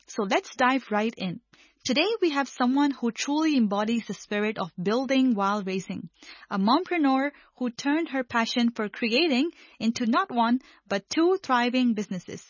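Upbeat woman radio host, slightly high. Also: dry recording. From Hong Kong. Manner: upbeat, scripted introductions. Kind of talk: radio interview hosting. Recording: dry, slightly muffled radio broadcast.

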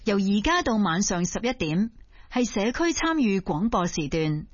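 A woman reading a formal radio station announcement in an even manner. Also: medium pitch, normal speed, breathy edge, no room sound. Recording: dull lo-fi radio broadcast.

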